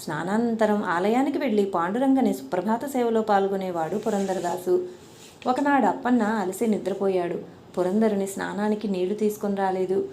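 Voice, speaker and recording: A woman narrating a devotional story in a measured, formal reading style. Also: mid-range voice, warm tone. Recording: roomy echo, faint noise.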